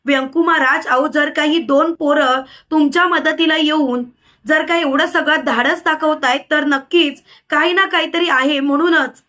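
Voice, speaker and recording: A woman's voice: high voice, fairly even intonation, normal speed, bright, forceful tone. A woman voicing an eager, boastful older village man in a retold story. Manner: reassuring, eager.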